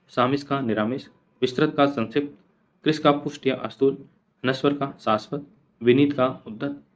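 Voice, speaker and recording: Male exam tutor with lo-fi sound. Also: medium pitch. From India. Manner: repeats each answer, asks the class and answers himself. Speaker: teacher. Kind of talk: exam coaching lecture.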